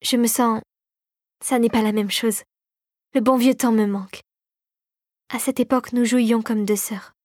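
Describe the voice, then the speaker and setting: A woman reading the lines of a gentle, wistful fairy regent in an audiobook, speaking softly and fondly of old times. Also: on the high side, steady tone, a little slow, long pauses, no room sound, clean studio sound.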